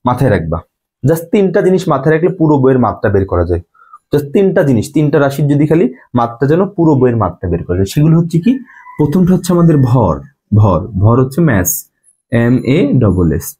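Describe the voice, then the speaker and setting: A man's voice: mid-range voice, mellow, breathy edge. A young man teaching a physics lesson, repeating key points and checking that students follow. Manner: repetitive, asks students check questions. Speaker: physics tutor. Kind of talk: classroom lecture.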